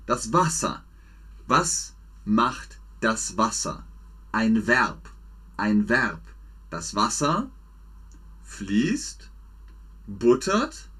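A man teaching German to a live chat, drilling words slowly and playfully, with big pitch swings. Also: husky. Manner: slow, repetitive, exaggerated drills with lively pitch swings. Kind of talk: slow, playful language lesson for learners.

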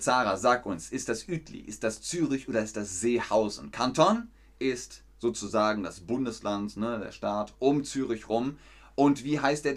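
A man's voice: mid-range voice, fairly bright tone. A man hosting a live German lesson stream, reading viewer comments and quiz questions and cheerfully praising answers. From not from Switzerland. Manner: upbeat, praises viewers often. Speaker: German-teaching livestream host.

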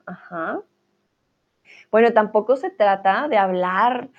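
A woman's voice: medium pitch, phone-quality sound. A woman teaching a live online language class, encouraging her viewers, reading and answering their comments with frequent small laughs. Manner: encouraging, laughs often, says "¿vale?".

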